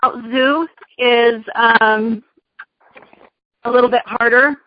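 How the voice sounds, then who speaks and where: A woman's voice: on the high side, fairly even intonation, slow, slight background noise. A woman teacher answering questions in a casual discussion, friendly and often hesitating with fillers. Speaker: teacher giving advice. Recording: dull dry lo-fi sound.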